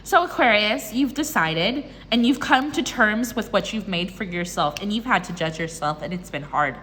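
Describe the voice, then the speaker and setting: A woman doing a casual tarot reading in a bubbly, excitable, chatty way. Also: medium pitch, moderate pace, a little hiss or hum. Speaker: tarot reader. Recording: reverberant room with faint ambience.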